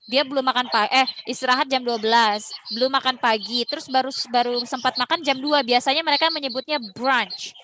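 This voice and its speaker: A woman's voice: high voice, steady tone, fairly quick, few pauses, bright, forceful tone. A woman teaching a bilingual online English lesson, patiently explaining and repeating words for students. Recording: noisy online call audio.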